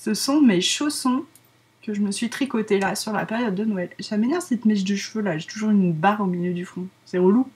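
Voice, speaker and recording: A woman's voice: mid-range voice, fairly quick, darkish tone, slightly rough. Giggly, rambling French woman podcaster. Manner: giggly, rambling, many fillers. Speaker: podcast host. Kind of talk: casual chat.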